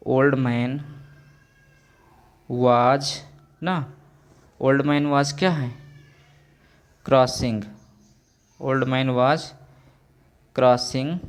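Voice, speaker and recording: A man teaching a grammar lesson at an unremarkable middle pitch. He keeps quizzing his viewers by turning each point into a question. On example sentences he draws the words out slowly, one at a time. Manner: slow and drawn out on example sentences. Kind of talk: classroom lecture.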